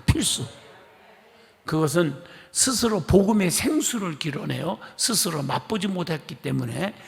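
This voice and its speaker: A middle-aged man from Korea's Chungcheong region preaching a lively, chatty sermon, acting out conversations and coaxing the congregation to respond. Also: fairly high pitch, gravelly. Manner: chatty storytelling, acting out dialogue. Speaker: pastor. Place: church sanctuary. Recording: long church hall reverb.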